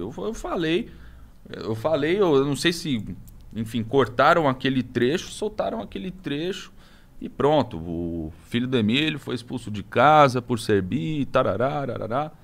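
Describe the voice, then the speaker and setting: A young Brazilian man with a Brazilian Portuguese accent, a podcast guest talking casually and haltingly with many restarts. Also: medium pitch. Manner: hesitant, many restarts and fillers. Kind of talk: casual interview talk.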